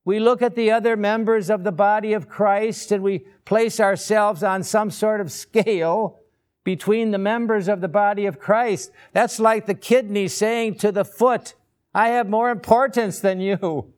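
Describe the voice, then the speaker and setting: A man delivering a sermon at an unhurried, deliberate pace. His voice is fairly high for a man and clear and resonant. He presses his points with emphatic rhetorical questions. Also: steady tone, darkish tone. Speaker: preacher.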